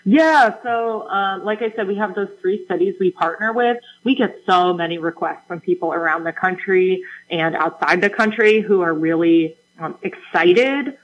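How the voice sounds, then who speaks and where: A woman's voice: fairly low pitch, moderate pace. Upbeat woman on a dull, lo-fi line. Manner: upbeat, explanatory, with fillers. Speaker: program director, guest. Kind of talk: radio interview answers.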